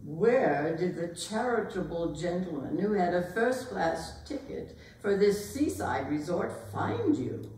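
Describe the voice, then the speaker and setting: A woman's voice: on the low side, lively intonation, slow pace, few pauses, darkish tone, slight background noise. A woman playing a haughty, imperious older aristocratic lady in a staged period comedy reading, pompous and emphatically disapproving. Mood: incredulous. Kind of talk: theatrical readers' theatre performance of a period comedy. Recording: echoey hall, distant microphone.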